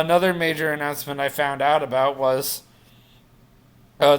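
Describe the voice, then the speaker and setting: A man's voice: fairly high pitch, clear, resonant tone. A man in his late twenties rambling through a casual personal vlog update, full of fillers and self-corrections. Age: 20s. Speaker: vlogger.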